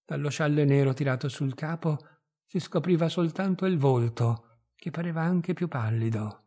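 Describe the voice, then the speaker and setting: A man reading a literary short story aloud in a measured, expressive narrating manner. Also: a little high, slightly rough. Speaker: reader.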